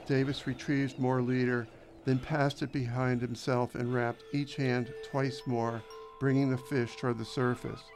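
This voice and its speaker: A man reading an audiobook in a measured, descriptive narration. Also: medium pitch, noisy background. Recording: narration over background music.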